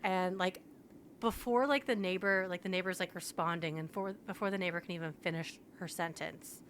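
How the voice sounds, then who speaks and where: A woman's voice: fairly low pitch, fairly even intonation, normal speed, a bit bright, slight background noise. A young woman co-hosting a podcast, animatedly retelling a book plot in casual chat, sprinkling in "like" constantly. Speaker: podcast co-host.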